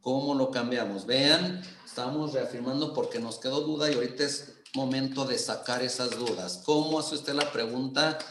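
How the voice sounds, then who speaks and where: A man teaching English in Spanish with a Mexican accent, explaining slowly and patiently and repeating example sentences. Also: medium pitch, echoey room, background noise. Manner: slow, patient, repeats phrases and stresses intonation. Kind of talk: online class explanation.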